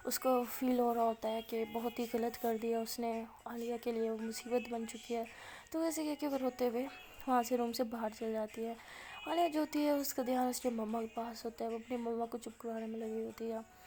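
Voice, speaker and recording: A woman's voice: a little high, little pitch movement, normal speed, mellow. A young woman chatting through a love story as a storyteller, mixing in English words. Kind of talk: casual story narration.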